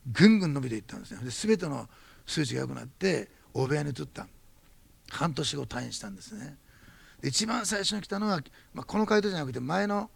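A man preaching as a pastor, telling a testimony in quick, animated bursts. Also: a little high, creaky, breathy edge. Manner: fast-talking, animated storytelling. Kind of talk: sermon testimony.

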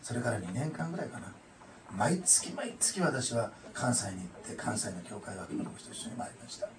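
Over crowd noise, a pastor tells his testimony in an earnest, emotional sermon, frequently ending sentences with "ne". He speaks fairly quickly at a medium pitch with big swings in it. An echoey room, a far-off microphone and general noise mark the recording.

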